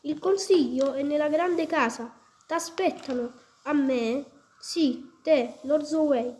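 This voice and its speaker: A woman voicing a rough, mocking village warrior in a storybook reading. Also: sits high, slow, darkish tone. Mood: brusque. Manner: brusque, mocking.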